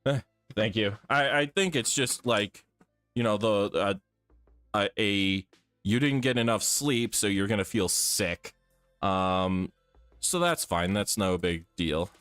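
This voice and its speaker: A man's voice: on the low side, slow, fairly bright tone, smooth, dry recording, faint music behind. A tired man with his voice a bit off, chatting casually with viewers while he draws on a live stream. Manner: chatty, thinks aloud while drawing. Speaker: art streamer.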